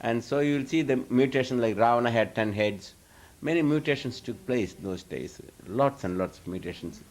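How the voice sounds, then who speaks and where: This is a man of medium pitch talking at a moderate pace. As a spiritual teacher taking audience questions at an informal live talk, he meanders, keeps restarting his sentences, and chuckles while speaking.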